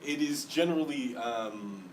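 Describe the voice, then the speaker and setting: A man's voice: medium pitch, measured pace. Lisping male debate lecturer, distant mic. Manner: explanatory, frequent ums and restarts. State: slight lisp today. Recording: distant mic, faint background noise.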